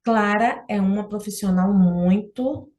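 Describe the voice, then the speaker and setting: A woman's voice: mid-range voice, takes it slowly, darkish tone. Brazilian woman, exam-prep teacher, patient step-by-step explainer of test questions. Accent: Brazilian Portuguese. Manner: explanatory, checks in with listener often.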